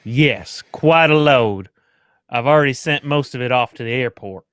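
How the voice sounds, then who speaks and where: Man playing a curt, suspicious man, smooth voice. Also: mid-range voice, moderate pace, a bit bright, dry recording, studio quality, close to an everyday voice. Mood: grudging, wary. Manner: curt, blustery, dismissive. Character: gruff, suspicious, impatient wealthy father under threat. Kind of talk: old-time radio drama acting.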